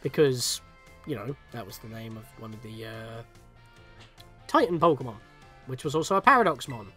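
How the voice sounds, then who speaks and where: A man's voice: medium pitch, animated, normal speed, bright, forceful tone, soft background music. A man giving chatty, casual commentary on a video game as he plays, reading text aloud and reacting to it. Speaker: let's play streamer.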